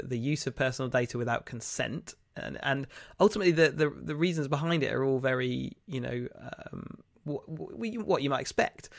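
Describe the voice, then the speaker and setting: A man's voice: mid-range voice, vocal fry, fairly bright tone, dry recording, studio quality. A man with a nasal voice, bunged up with a cold, hosting a casual news discussion podcast. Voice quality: nasal, congested. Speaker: podcast host.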